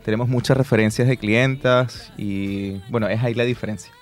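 A man's voice: mid-range voice, steady tone, normal speed, soft background music. A young man in his twenties, a hair salon owner, explaining upbeat in a radio interview. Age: 20s.

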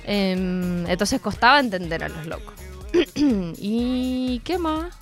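A young woman with a Chilean accent, telling travel stories in a lively, slangy casual chat. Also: mid-range voice, slow, faint music behind. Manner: animated, storytelling with slangy asides.

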